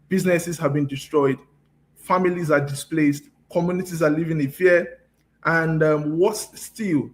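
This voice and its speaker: A man from Nigeria with a slightly raised voice gives earnest opening remarks. He poses rhetorical questions in a measured way. He is heard over a video call. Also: a little high. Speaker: forum leader.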